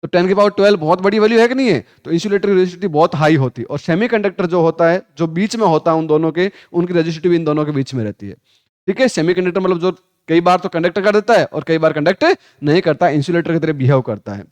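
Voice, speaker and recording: A male physics teacher running a Hindi class lecture, quizzing students with repeated questions, calling them 'beta', and reading textbook lines slowly. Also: on the high side, darkish tone, no echo. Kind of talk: classroom lecture with call-and-response drills.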